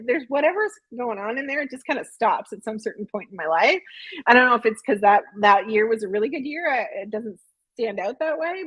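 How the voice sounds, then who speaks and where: Brief: late-forties woman guest, husky tone, dry close sound, candid and reflective. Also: fairly high pitch, fairly bright tone, no room sound, rough recording. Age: 40s. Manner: candid, reflective, self-deprecating. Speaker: podcast guest. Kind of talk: casual interview chat.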